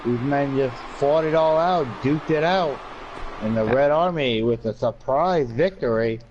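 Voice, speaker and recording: A man's voice: medium pitch, measured pace, darkish tone, muffled recording, slight background noise. A man commentating on video game wrestling matches in a brash, boastful, joking manner. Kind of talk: play-by-play commentary in character.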